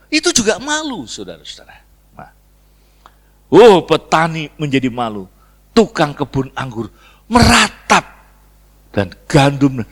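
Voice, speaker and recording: A middle-aged man preaching a sermon, swinging between hushed asides and loud emphatic lines. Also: on the high side, husky. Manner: acts out voices of congregants in mock tones. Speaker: pastor. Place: church.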